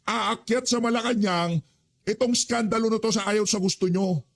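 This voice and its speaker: A man's voice: high voice, steady tone, normal speed, creaky, fairly bright tone. A man ranting angrily as a news commentator, scolding and cursing. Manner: angry, scolding, curses.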